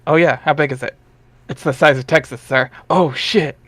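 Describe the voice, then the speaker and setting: Guy reading as a too-cool teen boy, drawly deadpan rant, kinda high, dry mic. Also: moderate pace, no room sound. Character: cool, rambling teenage boy, sardonic. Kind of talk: dramatic reading of a webcomic.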